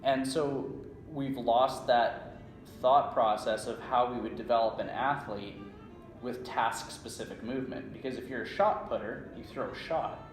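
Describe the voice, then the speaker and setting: A Canadian man from small-town Saskatchewan, a strength coach, is interviewed in an indoor room at a conference, speaking a little slowly in a mid-range, fairly even voice. He explains things conversationally, often adding "right?" There's a roomy echo, faint ambience and faint music in the background.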